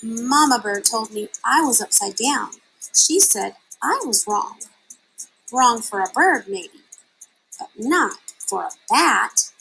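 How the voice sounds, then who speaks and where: Young girl bat for storybook, played by a woman: high, slow, wide-eyed, excitable. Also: vocal fry, slightly rough, full character voice, rough recording. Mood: puzzled. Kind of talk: children's storybook read-aloud.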